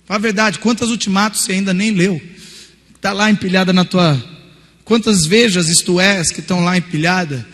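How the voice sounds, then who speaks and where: High-voiced Brazilian man preaching in a hall. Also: fairly quick. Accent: Brazilian Portuguese. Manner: animated storytelling, acting out quotes. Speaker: seminar speaker. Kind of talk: sermon-style talk. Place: large hall. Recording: long hall reverb.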